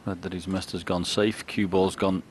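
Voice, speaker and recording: Deep-voiced male snooker co-commentator. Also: little pitch movement, moderate pace, a little mellow. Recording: crowd and faint noise behind. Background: snooker arena crowd.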